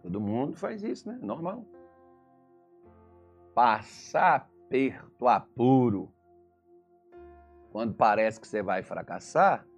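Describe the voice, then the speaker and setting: A man's voice: medium pitch, takes it slowly, pauses often, breathy edge, faint music behind. A Brazilian man preaching as a pastor, telling stories and firing rhetorical questions. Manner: animated storytelling, rhetorical questions. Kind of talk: sermon.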